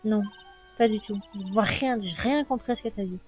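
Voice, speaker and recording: A woman's voice: mid-range voice, normal speed, a little mellow, husky, faint music behind, natural voice. A woman reading an impatient young lawyer. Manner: blunt, impatient questioning.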